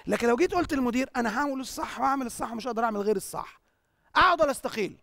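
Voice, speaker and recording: An Egyptian-accented church teacher preaches in a question-and-answer session, firing rhetorical questions and answering them at once. The delivery is rapid, and the voice has a gravelly rasp. The sound is dry and close. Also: mid-range voice, animated, fairly bright tone, no room sound. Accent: Egyptian Arabic.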